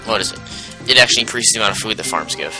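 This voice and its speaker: A chatty man with a low-ish voice explains a strategy game very fast in casual let's play commentary. He rambles, interrupts himself while covering the mechanics, and game music plays beneath the low-quality recording.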